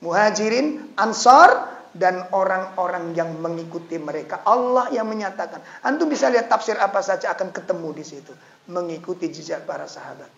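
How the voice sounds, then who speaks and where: A man preaching an animated, joking sermon to an audience in a lecture hall. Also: high voice, normal speed, creaky. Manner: animated, joking, switching into local dialect. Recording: echoey, slightly dull lecture recording.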